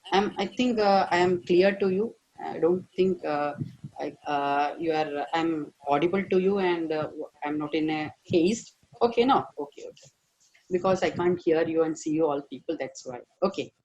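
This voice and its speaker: A man's voice: a little high, normal speed, darkish tone, dull audio. A man giving an online veterinary lecture, hesitant with many fillers and stressing key words.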